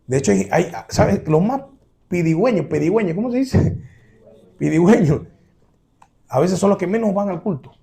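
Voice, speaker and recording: A man preaching a sermon as pastor, addressing the congregation as brothers with rhetorical questions and swinging between loud emphatic exclamations and quiet low asides. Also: lively intonation, normal speed, creaky, long pauses.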